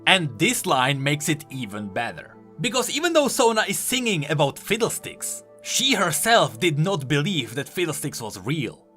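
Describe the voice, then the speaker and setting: Hosting a video game lore explainer, a man reads his script with dramatic, emphatic storytelling as music plays underneath. His voice is a little high, bright and forceful.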